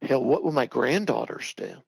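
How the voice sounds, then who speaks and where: An older man talking heatedly on a podcast, repeating himself for emphasis and rising in pitch when worked up. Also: big pitch swings, normal speed, creaky, husky, no echo, poor audio. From Texas. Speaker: podcast guest. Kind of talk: impassioned talk-show commentary.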